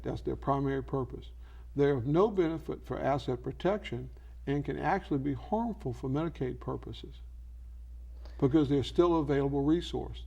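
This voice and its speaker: A man's voice: medium pitch, creaky, mellow, breathy edge, muffled recording. A man speaking as an advising expert in an infomercial interview, explaining didactically by posing questions and answering them himself. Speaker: elder law expert giving advice.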